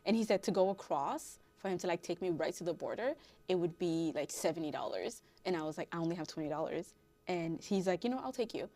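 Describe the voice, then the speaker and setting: A woman in her thirties from Haiti, a guest on a talk show. She tells her story in a lively way and laughs often. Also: lowish voice, fast talker. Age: 30s. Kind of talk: casual interview.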